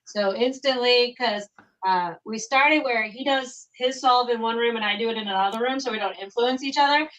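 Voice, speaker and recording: A woman's voice: fairly high pitch, normal speed, a bit bright. A woman heard over a video call as a guest puzzle solver, thinking aloud in long run-on explanations. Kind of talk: casual interview answers. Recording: muffled distant video call audio.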